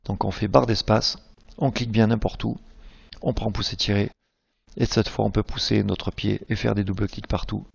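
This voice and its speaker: A man teaching a screen-recorded software tutorial, patiently explaining each click step by step. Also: fairly low pitch, vocal fry, highs cut off.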